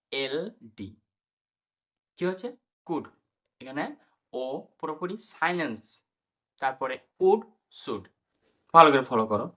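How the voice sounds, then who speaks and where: Bengali guy teaching english sounds, bright clear voice, spells words out slow and says them again. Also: medium pitch. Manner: spells words letter by letter and repeats them slowly. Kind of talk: spoken English lesson.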